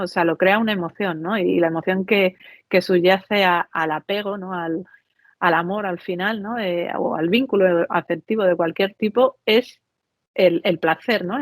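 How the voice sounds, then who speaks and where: A woman guest on a podcast talks in a lively, rambling storytelling manner and keeps checking in with her listener. Her voice sits at a middle pitch, and the recording is dry and close with no room sound. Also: no echo. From Mexico and Spain. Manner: chatty, animated storytelling with frequent tag questions. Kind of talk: conversational interview.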